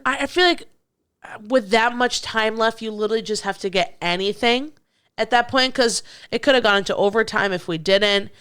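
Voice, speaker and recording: A young woman co-hosting a sports podcast, chatting casually and excitably about football. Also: medium pitch, fairly quick, clear, resonant tone. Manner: chatty, excitable, restarts when flustered. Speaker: podcast co-host.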